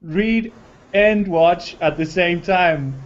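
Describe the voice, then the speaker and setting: A man's voice: high-pitched, very slow. A man in a casual group video chat who makes dry, matter-of-fact remarks. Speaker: hangout participant. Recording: dull lo-fi call audio with faint noise.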